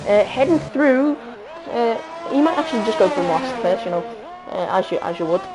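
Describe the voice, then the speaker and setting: A woman with a Liverpool accent doing live sim-racing commentary, halting with fillers and jumping up in excitement at crashes. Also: mid-range voice, heavy background noise. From Liverpool, England.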